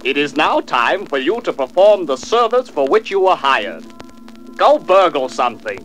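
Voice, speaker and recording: Man doing a stern dwarf leader, formal and curt, a bit raised pitch, lively. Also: moderate pace, faint music behind, low-quality recording. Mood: commanding.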